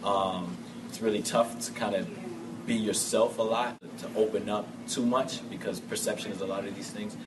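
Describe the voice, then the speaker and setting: Man, 20s, musician, deep monotone, thoughtful; distant mic, loud music bed. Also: moderate pace, noisy background. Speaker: musician and activist. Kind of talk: documentary interview.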